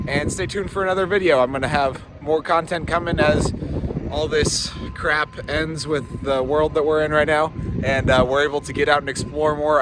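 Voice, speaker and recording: Outdoors by a parked truck, an off-road vehicle vlogger with a voice on the high side talks through a vehicle install in a casual how-to, thinking aloud in a conversational manner. Wind and outdoor and vehicle noise can be heard.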